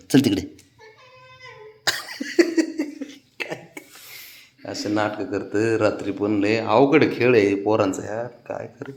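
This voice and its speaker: A man's voice: fairly low pitch, echoey room. A man, talking to his cat at home in a casual, coaxing way. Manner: coaxing, sing-song talk to a pet. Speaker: cat owner filming his pet. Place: home, indoors at night.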